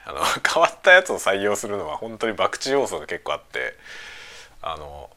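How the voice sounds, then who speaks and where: A middle-aged man chatting casually on a lunch-break stream, rambling in colloquial phrases with drawn-out tags at the ends. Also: on the low side, very animated, bright, forceful tone. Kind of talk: casual lunch-break chat while preparing food.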